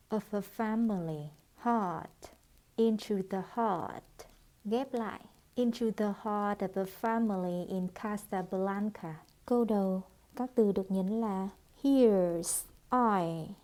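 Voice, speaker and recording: A Vietnamese-speaking woman teaching English pronunciation, modelling phrases slowly and deliberately as drills. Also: mid-range voice, dark tone.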